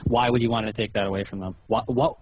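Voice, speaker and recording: Talking fast with fairly even intonation, a lower-pitched man on a phone call fires off pointed questions and explanations in an insistent, lecturing manner. The recorded call is muffled and roomy.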